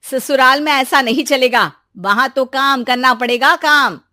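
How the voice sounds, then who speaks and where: A woman's voice: sits high, unhurried, sharp tone, pitched above the performer's own voice. A woman voicing a bossy but caring middle-aged mother who nags her daughter in a cartoon story. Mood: nagging. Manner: bossy nagging.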